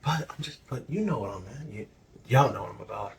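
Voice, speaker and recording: A man co-hosting a casual podcast, cracking crude jokes and laughing loudly. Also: mid-range voice, expressive, fast, background noise. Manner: crude joker, loud laughs. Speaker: podcast co-host. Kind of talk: casual podcast reaction chat.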